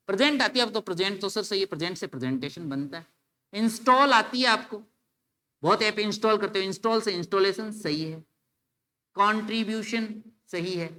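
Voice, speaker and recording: This exam-solution video lecture features a man whose voice is bright and a touch high. Teaching in a relaxed classroom style, he mixes English terms into his Hindi, spells out words one letter at a time, and casually addresses the students as "bhai."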